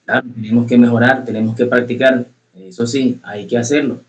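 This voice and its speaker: A man's voice: mid-range voice, steady tone, brisk, poor audio. Earnest man teaching public speaking. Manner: earnest, repeats key phrases for emphasis; addresses students directly, asks questions. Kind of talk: online class lecture.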